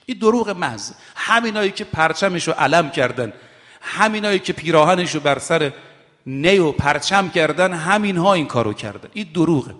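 A man preaching a sermon, swinging from hushed storytelling to raised, emphatic exhortation and chanting scripture quotations slowly. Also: a little high. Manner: chants Arabic quotations in a slow, drawn-out voice. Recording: long reverb of a large hall.

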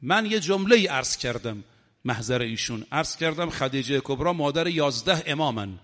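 A man delivers a religious sermon with rhetorical questions and fervent rising peaks. His voice sits fairly high. Long reverb from a large hall trails behind his words. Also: lively intonation, a bit bright. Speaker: preacher. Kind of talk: religious sermon with mourning recitation.

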